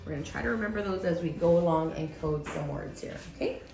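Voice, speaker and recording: A woman's voice: on the low side, fast, darkish tone, soft background music. A woman teacher giving a demonstration reading lesson, patiently checking in with her class as she goes. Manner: patient, checks in often with "okay?". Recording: echoey room, faint ambience.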